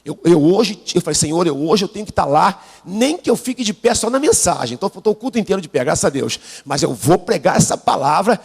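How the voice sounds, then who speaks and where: A man preaching a sermon in a church with a Brazilian Portuguese accent, unwell but pushing on, calling on the congregation to repeat his words and rising from low asides to shouted peaks. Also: lively intonation, quick pace, vocal fry, hardly any pauses, slightly rough. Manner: call-and-response preaching, prompting the congregation to repeat. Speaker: pastor. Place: church sanctuary. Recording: live church sound with long hall reverb.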